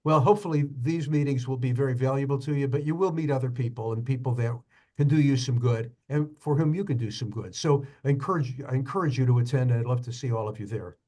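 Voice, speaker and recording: A man's voice: mid-range voice, fast talker, warm tone. A man speaking as a panelist in an online discussion, encouraging listeners to attend an event. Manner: encouraging, conversational. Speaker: panelist, attorney.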